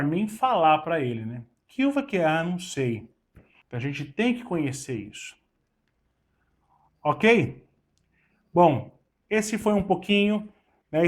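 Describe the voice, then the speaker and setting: A middle-aged man with a Brazilian Portuguese accent teaching a waiter course, who acts out short dialogues between a waiter and a guest. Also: on the high side. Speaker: waiter trainer. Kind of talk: instructional talk to camera.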